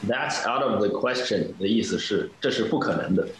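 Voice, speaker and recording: A man's voice: lowish voice, animated, moderate pace, slight background noise. Man teaching English in a very echoey room. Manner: reads dialogue lines, then explains patiently. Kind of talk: explaining English phrases in Chinese.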